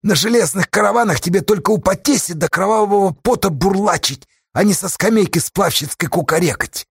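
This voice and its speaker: A man voicing a stern, grasping old village elder with a thin high voice that turns preachy and scornful. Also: fairly quick, gravelly, breathy edge, dry recording, studio quality, heavily acted. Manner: preachy, scornful, rising to shrill shouts.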